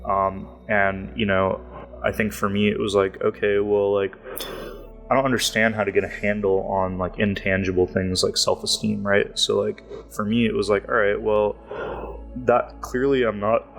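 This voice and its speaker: A man's voice: fairly low pitch, little pitch movement, moderate pace, creaky. A man talking casually as a podcast guest, rambling and filling his speech with "like". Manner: rambling, heavy use of "like" fillers. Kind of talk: casual interview talk.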